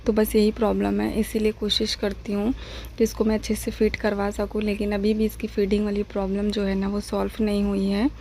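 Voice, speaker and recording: A woman vlogger giving a calm, soft, explanatory voice-over for her family vlog. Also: mid-range voice, brisk, background noise.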